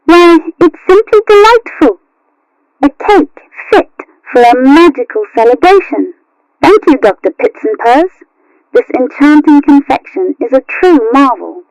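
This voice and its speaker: A woman voicing a sweet, wistful teenage girl kitten in a cartoon, with a raspy, childlike voice. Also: sits high, sing-song, unhurried, a little mellow, no room sound, full character voice, low-quality recording. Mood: delighted, polite. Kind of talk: cartoon character acting.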